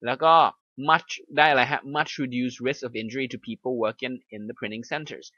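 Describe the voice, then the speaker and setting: Man, Thai accent, English teacher, slow reading then quick explaining, bright voice, dry sound. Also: medium pitch, no echo, dull audio.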